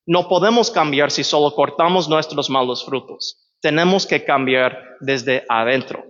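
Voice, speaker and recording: A pastor delivers a teaching sermon in a church hall, his voice a little high and somewhat bright. He speaks conversationally and keeps asking the audience "¿verdad?" The recording sounds dull, with the long reverb of a church.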